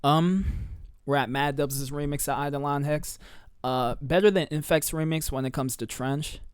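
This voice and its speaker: A man's voice: fairly high pitch, fairly even intonation, normal speed, smooth, no room sound, clean studio sound. Laid-back slangy young man reviewing tracks. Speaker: music reviewer. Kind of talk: casual review commentary.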